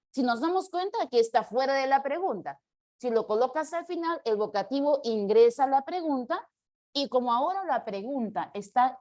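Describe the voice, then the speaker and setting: A woman's voice: fairly high pitch, darkish tone. A woman teaching a live online language class, explaining patiently and taking student questions. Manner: patient, explanatory, reads questions aloud slowly.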